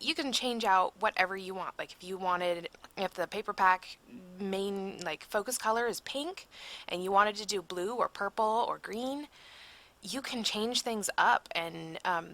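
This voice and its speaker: A woman's voice: mid-range voice, creaky, fairly bright tone. A tired woman giving a casual voiceover for a craft video, rambling and searching for words with frequent ums. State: yawning, tired. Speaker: crafter narrating a process video.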